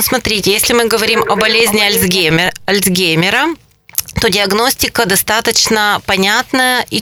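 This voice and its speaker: A woman's voice: mid-range voice, bright, forceful tone. A woman guest in a radio studio, explaining medical matters as a specialist and often stopping to rephrase.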